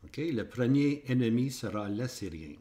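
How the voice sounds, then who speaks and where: Guy with a québécois french accent teaching bible prophecy, repeats stuff, keeps asking "ok?", middle pitch. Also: lively intonation, normal speed, dark tone. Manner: repetitive, checks in with "hein?" and "ok?". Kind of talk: Bible prophecy lesson with maps.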